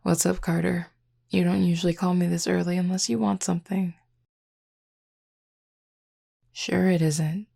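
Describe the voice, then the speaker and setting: Playing a confident, flirty female werewolf in an intimate audio roleplay, a woman trades wry, casual banter in a heavily acted performance. She speaks a little fast with a fairly low, warm, husky and gravelly voice and little pitch movement, teasing and drawling as she playfully takes charge.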